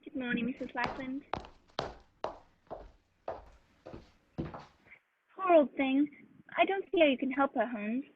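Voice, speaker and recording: A woman playing a genial, slightly grumbling gentleman doctor, a detective's companion, in a radio play. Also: high voice, fairly quick, slight background noise, close to an everyday voice. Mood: sympathetic. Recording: dull lo-fi recording.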